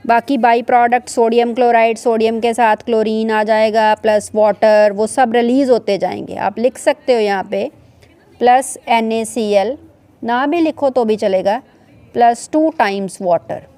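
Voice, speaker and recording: Woman teacher, mellow tone, slightly high voice, classroom dictation. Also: steady tone, no echo. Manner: dictates slowly in English, then explains quickly in Hindi. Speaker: chemistry teacher. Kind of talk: classroom lecture dictating notes.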